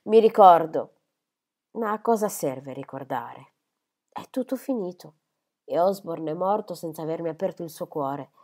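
A woman's voice: lowish voice, expressive, normal speed, warm tone. A woman voicing a grieving elderly country squire who is proud and impulsive, speaking with emotional outbursts. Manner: emotional, outbursts of grief and anger.

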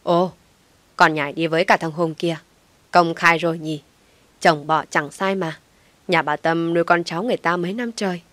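A woman's voice: lowish voice, fairly even intonation, moderate pace, a bit bright, no room sound, natural voice. A woman voicing a spiteful older village woman who gossips in a mocking way, in a storybook reading. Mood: snide. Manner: mocking, snide.

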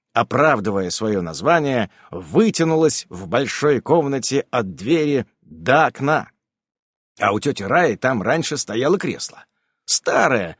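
Wry, lively male storyteller. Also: mid-range voice, no room sound, studio quality. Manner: wry, conversational. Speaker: narrator. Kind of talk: humorous storytelling.

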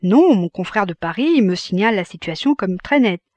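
A woman reading the part of a calm, businesslike male notary in a grave, measured tone for an audiobook. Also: high-pitched, no room sound, muffled recording.

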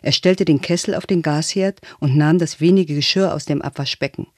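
Man reading a novel, slightly high voice. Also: fairly quick, dry recording, clean studio sound. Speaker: audiobook narrator. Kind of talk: literary audiobook narration.

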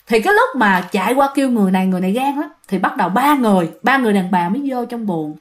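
A woman storyteller tells a ghost story to her listeners. Her voice sits fairly high and jumps lively up and down. She talks straight to the audience as she goes. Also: racing. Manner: animated, addresses listeners directly.

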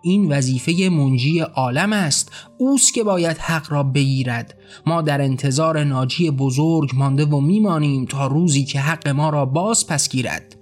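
A man's voice: a little high, darkish tone, soft background music, natural voice. A man doing a timid pious servant. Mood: pleading. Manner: placating, then commanding. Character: timid, pious male servant, submissive believer.

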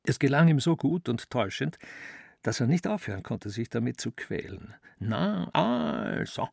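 A man narrating a literary story in a measured, deliberate way. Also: medium pitch, animated, gravelly, a little mellow, breathy edge, no room sound, clean studio sound.

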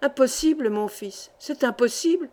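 A woman reading aloud and voicing a frightened, devout old peasant grandmother who talks softly and prayerfully. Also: sits high, animated, moderate pace. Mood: tender. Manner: soft, pleading, prayerful.

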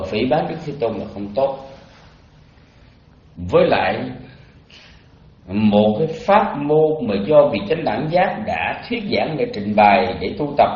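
A male Buddhist monk teaching in a didactic, halting way, with pauses and repeats, as in a dharma talk. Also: mid-range voice. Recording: dull lo-fi, echoey online audio.

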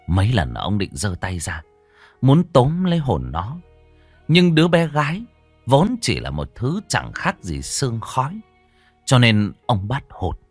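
Male horror-story narrator, mid voice, very expressive, dry close read. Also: mid-range voice, unhurried, slightly rough, no echo, soft background music. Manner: dramatic, varied delivery.

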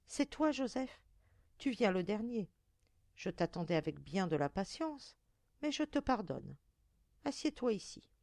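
A woman's voice: medium pitch, sing-song, measured pace, gravelly, pauses often, a little mellow, no room sound, clean studio sound. A woman reading a story aloud and voicing a young village bride who speaks in a tender, pleading, breathless way.

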